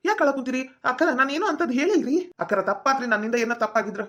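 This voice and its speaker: A woman playing a chatty village saree seller in a comedy skit, with a North Karnataka accent and a persuasive, flattering sales patter. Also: high voice, very fast. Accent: North Karnataka Kannada.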